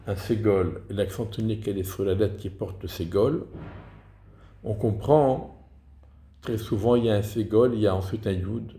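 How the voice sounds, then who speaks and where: A man giving a slow, deliberate lesson on reading liturgical texts, pausing to sound out example words. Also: lowish voice, warm tone, roomy sound. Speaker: teacher of Hebrew liturgical reading.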